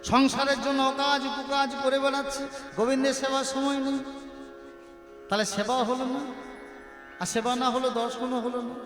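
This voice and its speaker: High-voiced man preaching a devotional sermon. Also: little pitch movement, moderate pace, long pauses. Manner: call-and-response with the audience; addresses listeners as mothers, rhetorical questions. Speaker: kirtan singer and preacher. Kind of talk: devotional sermon with sung verses. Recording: roomy echo with long reverb. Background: devotional music playing.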